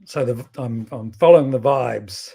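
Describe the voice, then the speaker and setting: A man's voice: medium pitch, a little slow, gravelly, mellow, slightly rough. A man with a strong New Zealand accent gives casual game commentary, thinking aloud in an informal, rambling way and often correcting himself. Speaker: bridge player presenting his own videos.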